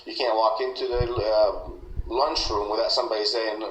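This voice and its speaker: Brief: low male interviewee, halting and aggrieved, roomy echo. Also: steady tone. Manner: halting, aggrieved retelling with many restarts. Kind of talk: recorded interview. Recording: echoey room with faint noise.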